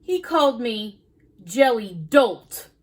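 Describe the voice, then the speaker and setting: Woman reading as small worried jellyfish sidekick, storybook, unsure, high lively voice. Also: slow pace, heavily acted. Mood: fretful. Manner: unsure, fretful.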